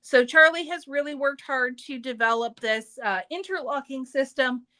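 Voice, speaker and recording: A woman with a high-pitched, sharp voice hosts a craft store's live show at a normal speed. She chats casually and upbeat about products and store news in a livestream format.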